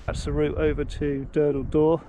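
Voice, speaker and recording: An English man hosting a casual walking vlog outdoors on coastal cliffs, talking in a slow, relaxed, chatty way and getting out of breath on the hills. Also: on the high side, vocal fry, phone-quality sound, slight background noise. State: out of breath on a hill. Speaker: vlogger host.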